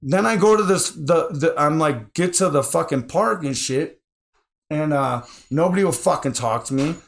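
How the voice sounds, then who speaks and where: A man with a gravelly, somewhat high voice tells a long, rambling story. He swears in nearly every sentence and acts out what he and others said. The tone is loose and conversational. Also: normal speed. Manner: rambling, swears constantly, acts out his own quotes. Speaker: interview guest. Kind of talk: casual storytelling.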